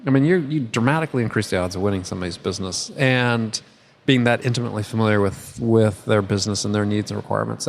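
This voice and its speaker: A man with a fairly low voice talks casually as a podcast host, looping back on his sentences and laughing lightly. His voice is wearing thin, and he sounds hoarse. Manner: rambling, self-interrupting, chuckles often. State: losing his voice. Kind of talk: casual conversational chat.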